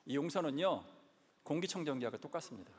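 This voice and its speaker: Animated man preaching in an echoing hall. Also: fairly high pitch, fast. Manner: animated storyteller, repeats lines for emphasis. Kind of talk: lively sermon-style talk. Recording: long hall reverb.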